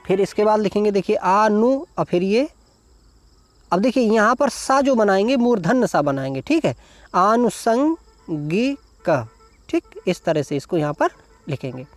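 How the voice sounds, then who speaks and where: Speaking at a moderate pace in an expressive, high-sitting voice, this male teacher runs an exam-prep session over soft background music. He breaks down every answer in steps, spells words syllable by syllable, and often says "देखिए" and "ठीक है".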